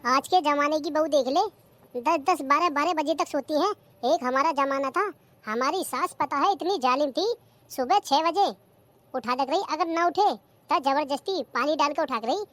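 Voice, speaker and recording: A very high, squeaky cartoon voice of a scolding old village mother-in-law, as a performer puts her on. She nags and taunts, and the voice sounds close and dry with no room around it. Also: moderate pace, fairly bright tone, dry recording. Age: older. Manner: nagging, taunting, complains about the old days. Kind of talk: cartoon comedy skit.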